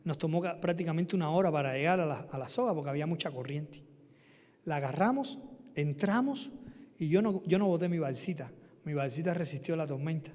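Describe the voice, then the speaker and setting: Animated man telling his testimony. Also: fairly high pitch, fairly quick. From Cuba. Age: young adult. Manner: animated storytelling, shouting out quoted cries. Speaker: guest preacher. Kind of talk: testimony sermon. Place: church sanctuary. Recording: long church reverb.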